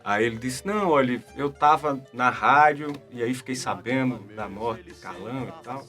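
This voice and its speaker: A man's voice: mid-range voice, moderate pace, fairly bright tone, soft background music. A middle-aged man telling a long story in casual chat, full of fillers and repeated words. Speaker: debate show guest.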